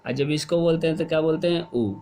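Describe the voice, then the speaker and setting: A middle-aged man teaching a class, explaining slowly and asking questions, then repeating the answers. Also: a little high, level tone, warm tone. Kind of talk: classroom lesson.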